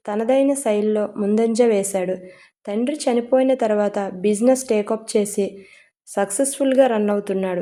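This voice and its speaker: A woman narrating an audio story in a steady storytelling manner, mixing English words into her speech. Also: mid-range voice.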